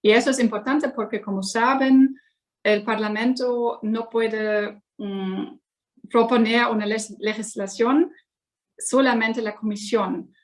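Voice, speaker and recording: A woman from Germany with a German accent, speaking as a non-native guest on a webinar panel, haltingly searching for words. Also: on the high side, fairly even intonation, poor audio. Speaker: guest politician, member of parliament.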